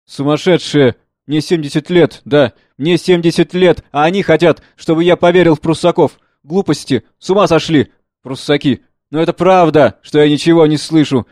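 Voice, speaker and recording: A man voicing a stubborn, nearly deaf seventy-year-old gardener in a dramatic play reading, shouting in a high, cracking old voice. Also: steady tone, moderate pace, no room sound, clean studio sound, lightly acted. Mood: frantic.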